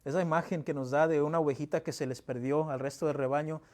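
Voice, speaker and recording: A pastor preaching a sermon in a church, asking rhetorical questions and reading scripture with emphasis. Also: male voice, a little high, fairly even intonation, fast talker. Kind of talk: Spanish-language sermon. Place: church sanctuary.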